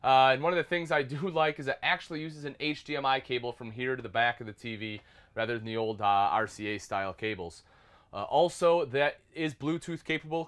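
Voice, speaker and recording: Calling his viewers folks, a man in his thirties shows them around the inside of a small travel trailer with cheerful energy. He works as an RV product specialist, and his mid-range voice sounds a bit bright.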